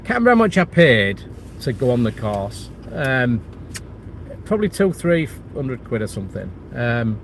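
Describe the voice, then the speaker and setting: A middle-aged man hosting a property channel talks casually on a livestream, reading viewer comments while ill with a cold and chest infection. His mid-range voice is sing-song with vocal fry at a moderate pace, and he rambles with many restarts and fillers. There's a little hiss or hum.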